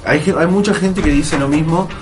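A man's voice: fairly high pitch, normal speed, over music. A young Argentine man hosting a radio talk show, bantering casually and putting on mock voices between stories. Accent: Argentine Spanish. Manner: jokey, puts on mock accents.

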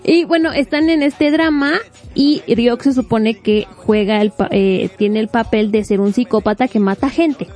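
A woman casually recapping a webtoon plot, animated and full of fillers. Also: fairly high pitch, a little slow, soft background music. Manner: animated, acts out quotes, fills with este.

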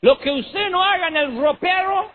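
A man doing a severe old preacher, high and insistent. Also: normal speed. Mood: insistent, admonishing. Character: stern old male pastor, demanding and severe. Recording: tinny lo-fi recording with faint noise.

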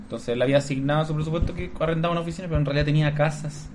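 A man's voice: fairly high pitch, fairly even intonation, very fast, a little mellow, a little hiss or hum. A man with a Chilean accent hosting a casual podcast, telling stories and joking with his co-hosts. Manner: storytelling, joking, leads the talk. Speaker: podcast host.

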